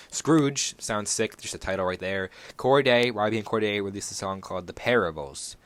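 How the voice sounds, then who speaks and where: A man's voice: on the low side, fairly bright tone, dry recording. A young man hosting a casual solo podcast, rambling through music news with many fillers and self-corrections. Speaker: podcast host.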